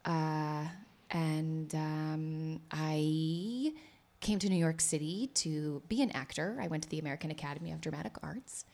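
Chatty woman guest, actor-playwright; low, rambling conversational read. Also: a little slow, vocal fry, dark tone. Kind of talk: casual interview chat.

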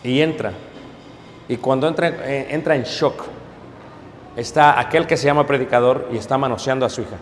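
Man, pastor, sermon, hushed asides and loud peaks, long church reverb, faint hum. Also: medium pitch, moderate pace, long pauses. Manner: storytelling, addresses congregation as brothers, frequent "¿ok?".

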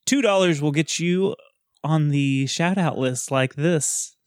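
Young male co-host, a little high-voiced, upbeat and steering, dry close sound, faint music. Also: slow pace, smooth, no echo. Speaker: podcast co-host. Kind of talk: casual podcast chat.

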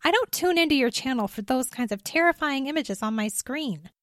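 A woman's voice: expressive, a little fast, no echo, studio quality. A woman doing a prim, scolding commuter lady. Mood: indignant scolding. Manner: scolding, indignant, raised higher and louder. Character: disapproving middle-aged woman commuter, prim.

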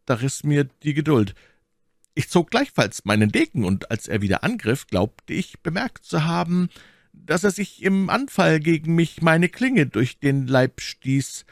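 Guy doing soft-mannered pious musketeer, mild measured voice, grainy. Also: fairly high pitch, big pitch swings, dry recording, clean studio sound, voice pushed up. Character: gentle would-be priest musketeer, mild and polite. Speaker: audiobook reader.

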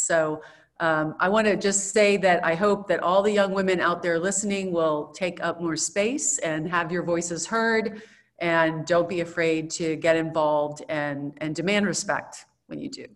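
Woman professor on a podcast, earnest and encouraging, fairly low voice. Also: steady tone. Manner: earnest, encouraging, slow and deliberate at times. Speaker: guest professor. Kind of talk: podcast interview.

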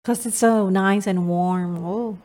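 A woman's voice: mid-range voice, steady tone, slow pace, darkish tone. A woman co-hosting a podcast in casual chat, laughing often. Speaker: podcast co-host.

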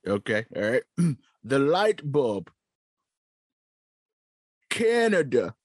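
A cranky old gold prospector, put on by a comedy podcast host, drawling slowly and grandly. His pitch swings widely as he brags and clears his throat. The sound is dry and close. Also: big pitch swings, dry recording, full character voice. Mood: boastful. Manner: slow, drawling, self-important, with throat-clearing. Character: boastful old male prospector, cantankerous. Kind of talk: improvised comedy bit.

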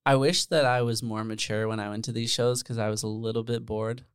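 A man from the Netherlands, a musician, chatting casually as a podcast guest in a relaxed, rambling way with many fillers, on a close mic. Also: medium pitch, a little fast, clean tone, no echo. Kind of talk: casual interview chat.

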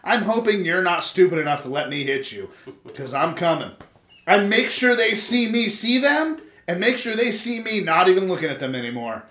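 A man's voice: high voice, very animated, moderate pace, a bit bright. A man co-hosting a casual podcast chat, telling crude stories with lots of swearing and laughter. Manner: crude, profane, laughing storyteller. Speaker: podcast co-host. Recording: echoey room.

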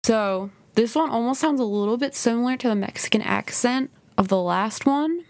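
A woman's voice: fairly high pitch, lively intonation, moderate pace, a little mellow, dry recording. A young woman hosting a podcast, chatty and enthusiastic as she explains. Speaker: podcast host.

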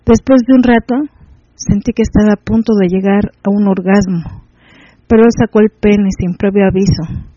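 High, mellow male narrator for a first-person erotic audio story; intimate and measured, dry muffled sound. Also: fairly even intonation, dry recording.

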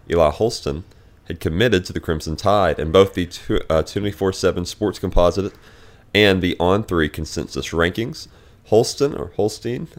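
A man hosting a casual sports podcast, reading news items and chatting with dry teasing, recorded as a low quality stream away from his usual studio. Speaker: podcast host. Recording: low quality stream, improvised holiday setup.

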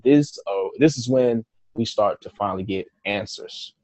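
Warm-voiced man telling a wild story. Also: on the low side, moderate pace, no echo, rough recording. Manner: loose, profane storyteller who acts out his own quoted thoughts. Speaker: author guest. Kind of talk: casual storytelling interview.

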